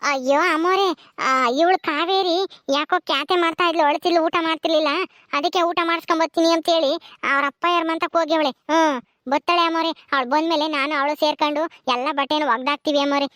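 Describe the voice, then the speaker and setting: A woman's voice: high-pitched, steady tone, fast talker, a bit bright, no room sound, studio quality. A woman with a rural Karnataka accent plays a meek young village housemaid who pleads with her mistress. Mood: pleading. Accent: rural Karnataka Kannada. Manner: pleading, deferential, calls her mistress ammore. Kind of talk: homemade village drama.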